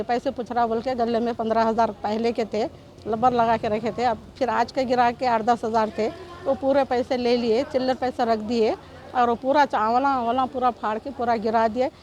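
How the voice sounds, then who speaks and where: A woman's voice: a little high, darkish tone, lo-fi sound. A middle-aged woman, giving an emotional news interview as a shopkeeper, urgent and pleading and repeating herself. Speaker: shopkeeper telling of an assault.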